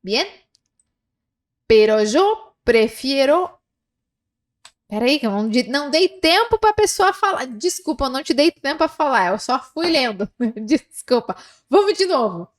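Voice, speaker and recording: A woman teaching Spanish pronunciation, slow and patient, repeating words for learners to echo. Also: sits high, big pitch swings. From South America. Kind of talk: language lesson with pronunciation drills.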